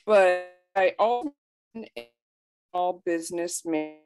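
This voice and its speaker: A woman's voice: on the low side, takes it slowly, darkish tone, smooth. A woman speaking hesitantly on a video call, her audio cutting out over an unstable connection. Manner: hesitant, with fillers and restarts. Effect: choppy audio that cuts out over an unstable connection. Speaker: workshop participant. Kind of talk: casual talk on a video call. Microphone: computer mic on a video call.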